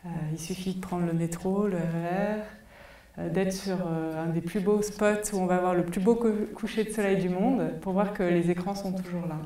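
Speaking live from a cinema stage, this Frenchwoman in her forties has a dark, mellow, low-leaning voice with fairly even intonation and an unhurried delivery. She is thoughtful and fills pauses often with hesitations. Despite her headset mic, the big reverberant hall makes her sound distant.

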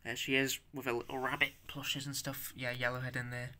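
A young man with a bright, forceful voice shows off his handmade figures in a loose show-and-tell. He stammers, restarts and swears as he goes, and he sounds unused to talking out loud. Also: medium pitch, level tone. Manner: halting, stammering, swears, self-conscious. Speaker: stop-motion creator showing his figures.

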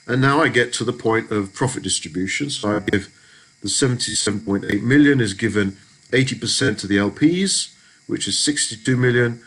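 A man's voice: lowish voice, poor audio. A man giving a methodical, step-by-step lesson as a voice-over on a screen recording, with some restarts. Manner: methodical, explanatory, frequent restarts. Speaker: lecturer. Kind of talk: screen-recorded spreadsheet walkthrough.

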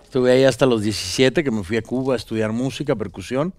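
A Venezuelan man in his thirties, a guest on a studio talk show, speaking casually into a headset mic. He rambles in a relaxed way, often trailing into fillers and restarting his sentences. The sound is dry and close. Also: medium pitch, fast talker, dry recording. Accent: Venezuelan Spanish. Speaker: guest actor. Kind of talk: casual interview chat. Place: pink-decorated talk show studio set. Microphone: small headset mic.

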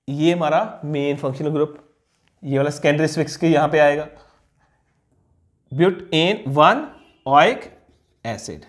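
Young guy teaching chemistry, fairly high voice, keeps asking and answering his own questions. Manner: asks the class questions and answers them himself; repeats key terms slowly. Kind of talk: classroom lecture explaining on a board.

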